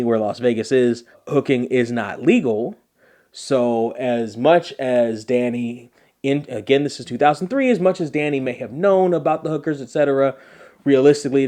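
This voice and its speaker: Male podcast host, energetic and chatty, gushing episode recap. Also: medium pitch. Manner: enthusiastic, animated, repeats phrases for emphasis.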